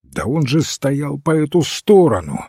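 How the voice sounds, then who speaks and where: A man's voice: fairly high pitch, big pitch swings, unhurried, dark tone, no room sound, clean studio sound, exaggerated voice. A man voicing an impatient, blunt police detective who demands plain answers, in a storybook reading. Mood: baffled. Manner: gruff, pressing for plain answers.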